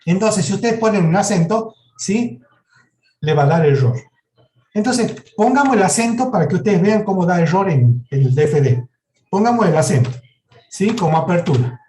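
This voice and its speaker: Lively in intonation yet dark in tone, a man with a high voice speaks at normal speed while teaching university programming. His live lecture includes a software demo, with step-by-step explanation and frequent check-ins, captured in an echoey classroom.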